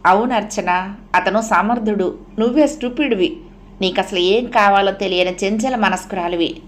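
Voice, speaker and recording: A woman's voice: mid-range voice, normal speed, natural voice. A woman voicing a firm, caring young woman who coaxes her cousin and then scolds her with sarcasm, in an audiobook novel. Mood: sarcastic, scolding. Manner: coaxing, then sharp and sarcastic.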